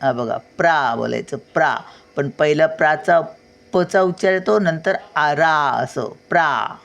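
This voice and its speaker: Slow, low-voiced grandmother teaching reading. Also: creaky. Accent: Marathi. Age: older. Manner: slow, careful pronunciation, repeats each word. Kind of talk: reading lesson for children.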